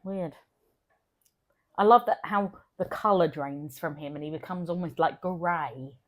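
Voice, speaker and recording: A woman with a fairly low voice co-hosts a film podcast, chatting casually and eagerly. She speaks, often trailing off mid-thought and starting over. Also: measured pace. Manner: chatty, enthusiastic, trails off and restarts. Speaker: podcast co-host. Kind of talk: casual chat.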